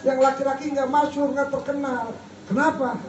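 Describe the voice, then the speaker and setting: A man's voice: little pitch movement, normal speed. Man preaching in an echoey hall. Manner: leaves words unfinished for the crowd to complete; rises high and soft on questions. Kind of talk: sermon. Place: large room at a gathering. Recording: dull, echoey, from a far mic, faint hiss.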